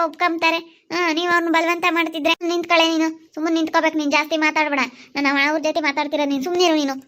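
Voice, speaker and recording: A woman's voice: high voice, lightly acted. A woman playing a talkative middle-aged village mother who gossips and pleads, in an amateur family skit.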